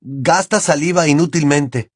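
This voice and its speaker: A man voicing a defiant teenage boy wizard in an audiobook, shouting and taunting. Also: on the high side, unhurried, dry recording, studio quality, pitched above the performer's own voice, close to an everyday voice. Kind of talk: audiobook character voice.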